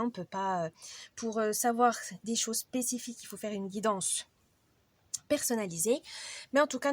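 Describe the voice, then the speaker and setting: A woman's voice: fairly high pitch, no room sound. A woman giving a casual weekly tarot reading, chatty and friendly, with frequent hesitations. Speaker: tarot card reader.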